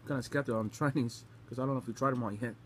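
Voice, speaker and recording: A young man talks casually to his phone camera while eating gross jelly beans. His voice sits at an ordinary middle pitch. The home recording has a faint noise under it. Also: fairly even intonation, very fast, fairly bright tone. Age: young adult. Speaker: vlogger hosting a taste challenge. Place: small bedroom indoors. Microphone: phone camera at arm's length.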